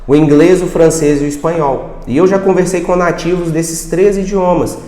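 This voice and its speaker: A Brazilian man with a Brazilian Portuguese accent teaches an informal video lesson, his voice sitting a bit higher than most men's. He talks straight to the viewer and keeps asking quick rhetorical questions. The sound is roomy, with a long reverb trailing behind his words. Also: steady tone, dark tone. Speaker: language teacher. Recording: echoey room with long reverb.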